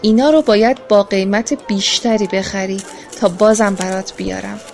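A woman's voice: medium pitch, fairly even intonation, gravelly, slight background noise, lightly acted. A woman voicing a poor, worried father in a children's storybook, speaking in a hesitant, troubled way.

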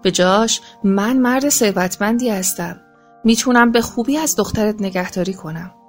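A woman's voice: mid-range voice, faint music behind, close to an everyday voice. A woman voicing a sly greedy goldsmith. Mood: sly persuasion. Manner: sly, wheedling. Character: greedy scheming male goldsmith, middle-aged.

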